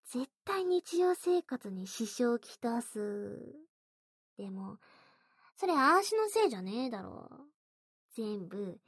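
A woman voicing a bratty, domineering young woman in an audio role-play, talking in rough slang and counting out a rhythm. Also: on the high side, no room sound, exaggerated voice.

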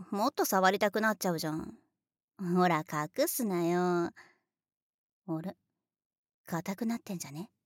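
A brash, tomboyish big sister who talks down to you with blunt, boyish bossiness and teasing laughs, as a young woman acts her out. The voice sits at an ordinary middle pitch and is recorded very dry and close, with no room sound. Some lines drop into a hushed whisper. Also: dry recording, lightly acted. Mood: teasing, bossy. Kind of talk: adult audio role-play drama, partly whispered.

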